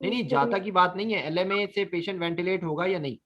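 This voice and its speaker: In an online anesthesia lesson, a man whose voice sits high speaks at a quick pace with a slightly bright tone, while the recording cuts off the highs. He keeps quizzing his students and blends English medical terms into his Urdu.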